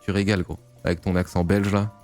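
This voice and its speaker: A man from France casually commentating a game replay, playful and teasing, with loud exclamations and swearing. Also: low-pitched, little pitch movement, fast talker, faint music behind. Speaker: StarCraft grandmaster analysing a replay.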